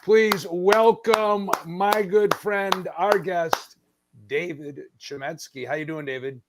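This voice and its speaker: A man's voice: high voice, steady tone, slow pace, very noisy. A man hosting a podcast interview over a video call, friendly and often restarting his sentences. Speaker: podcast host.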